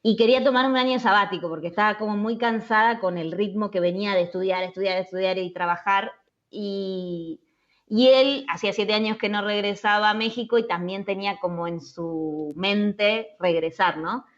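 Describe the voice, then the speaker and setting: A woman's voice: medium pitch, moderate pace. Chatty Argentine woman on a video call. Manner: chatty, frequent "eh" and tag "¿no?". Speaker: interview guest, travel blogger. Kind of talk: casual conversational storytelling. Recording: slightly dull lo-fi call audio.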